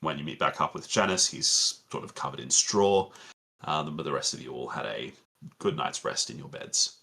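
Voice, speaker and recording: A man narrating a tabletop game as game master in a relaxed, meandering way with many fillers. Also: a bass voice, normal speed, gravelly.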